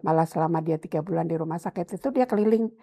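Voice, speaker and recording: A woman's voice: low-pitched, racing, husky. A woman pastor, telling her life story in an interview and acting out the words of people in it. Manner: animated storytelling, acts out her mother's and her own past words.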